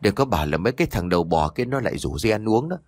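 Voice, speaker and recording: A man voicing a scheming, idle village husband who talks in a gruff, grumbling way. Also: lowish voice, sing-song, rapid-fire, a little mellow, no room sound, clean studio sound.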